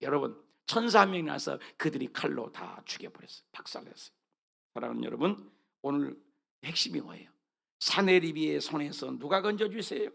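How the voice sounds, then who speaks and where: A man's voice: a little high, animated, fairly quick, creaky, sharp tone. A man preaching a sermon as pastor, emphatic and constantly quizzing his congregation as they read scripture together. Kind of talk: sermon with call-and-response scripture reading. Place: church sanctuary.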